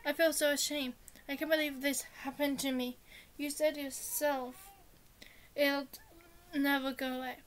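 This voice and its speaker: A panicked, ashamed young woman, as a woman reads her texts aloud in a text story. the voice is high and stays fairly level, with each message read plainly. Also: flat delivery, a little slow, pauses often, slight background noise, low-quality recording. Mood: distressed.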